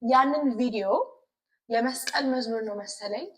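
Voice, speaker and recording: A young woman, her voice high and bright in pitch. She tells her story quickly and with emphatic energy in a casual chat. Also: poor audio. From United States. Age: young adult. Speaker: co-host.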